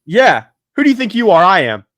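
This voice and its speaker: A man hosting a casual sports podcast, joking and excitable, rattling off long lists. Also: sits high, a little fast, no room sound. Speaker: podcast host.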